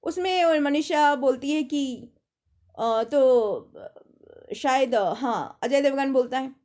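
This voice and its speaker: A young woman with a high voice tells rambling personal stories in an easy, conversational way. She slips into quick impressions of the people she talks about. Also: darkish tone. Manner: chatty, rambling anecdotes with mimicked quotes. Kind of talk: casual storytelling monologue.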